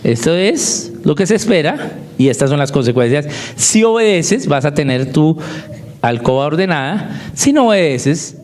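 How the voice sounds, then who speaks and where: Guy lecturing parents, bouncy animated voice, keeps asking "right?" to his listeners. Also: a little high, normal speed. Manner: checks in often with rhetorical questions. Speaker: homeschooling speaker. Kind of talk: teaching talk.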